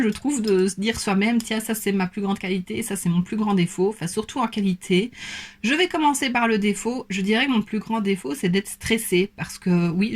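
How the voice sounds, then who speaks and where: A young woman from Belgium with a light Belgian French accent, answering viewer questions in a casual vlog with many hesitant fillers. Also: medium pitch. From Belgium, Liège province. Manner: hesitant, many fillers, soft and self-conscious. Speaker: beauty YouTuber.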